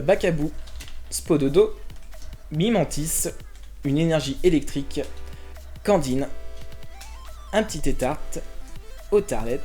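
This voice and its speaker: A man's voice: on the high side, a little mellow. A man hosting his own collector channel, chatting casually to viewers as he opens trading card packs, with many fillers and a friendly direct address. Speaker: YouTube collector channel host.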